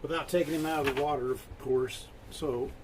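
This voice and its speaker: A man's voice: fairly high pitch, steady tone, a little fast, background noise. A man hosting a live stream from his home fish room, casually explaining his fish while he works on the tanks.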